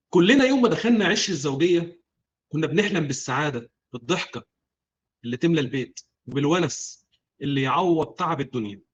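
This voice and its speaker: A man with an Egyptian Arabic accent giving scripted, earnest religious advice, speaking directly to his listeners. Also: on the high side. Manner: earnest, addresses the audience directly. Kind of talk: scripted preaching narration.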